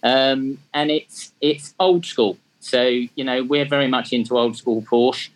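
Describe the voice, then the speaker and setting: In a poor-quality recording, an English man in his fifties whose accent carries a slight Australian tinge chats unhurriedly as an interview guest. He organises charity track days, and his mid-range voice keeps a fairly even intonation as he talks casually, self-deprecating and full of ums.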